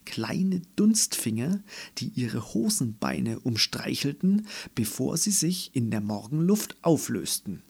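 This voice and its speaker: A man reading a story aloud in an expressive, lively storytelling manner. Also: mid-range voice, measured pace, vocal fry, hardly any pauses, husky. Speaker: narrator.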